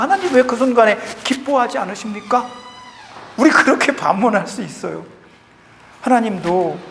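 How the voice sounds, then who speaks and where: A man's voice: very high-pitched, fairly bright tone. A man preaching a sermon as pastor, his voice rising and falling with emotion. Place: church sanctuary. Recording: church hall reverb, faint room noise.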